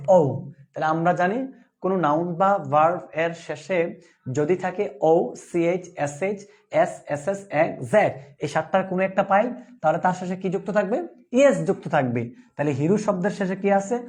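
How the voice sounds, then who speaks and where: A man's voice: high voice, darkish tone. A man with a Bangladeshi Bengali accent teaching an online English class, asking questions and answering them himself, and chanting letter lists in a sing-song rhythm. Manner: drills students with repeated call-and-response questions. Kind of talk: live online class lecture.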